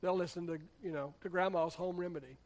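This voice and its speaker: High-voiced pastor preaching. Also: male voice, fast talker. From United States. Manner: conversational, animated storytelling with humor. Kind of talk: sermon. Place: church.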